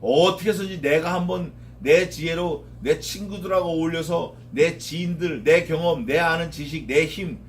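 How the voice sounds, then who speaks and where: Man preaching a sermon, pushes hard on repeated lines, kinda high voice. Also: moderate pace, few pauses, slight background noise. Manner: emphatic, repeats key phrases, rises when voicing prayers. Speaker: pastor.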